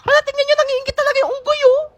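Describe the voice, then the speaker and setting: A woman's voice: very high voice, little pitch movement, racing, voice pushed up. A woman voicing a gossipy, jealous schoolgirl in a comedy skit, whiny and mocking. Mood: excited.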